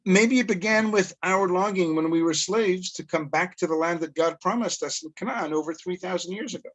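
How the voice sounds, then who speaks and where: Over a rough video-call recording, a middle-aged Canadian educator and tour guide talks quickly in a voice that sits high. He keeps things conversational, pokes fun at himself, and asks rhetorical questions as he lectures.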